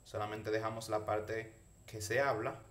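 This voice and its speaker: A man's voice: fairly low pitch, level tone, normal speed, fairly bright tone. A man narrating a casual tutorial in Spanish, instructing viewers directly one step at a time. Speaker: tutorial host.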